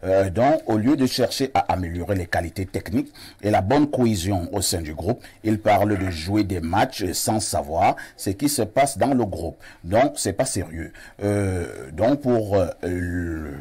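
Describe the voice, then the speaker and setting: A man's voice: low voice, expressive, measured pace, mellow, slightly rough. A middle-aged man hosting a TV talk show in a studio, reading out viewer messages with frequent hesitations, on a lapel mic.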